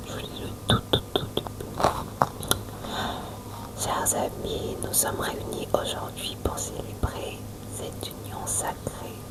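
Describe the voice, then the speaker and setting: A woman doing whispered ASMR storytelling, reading aloud in a soft, breathy and gentle whisper with chatty asides. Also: rough recording. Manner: slow, gentle delivery.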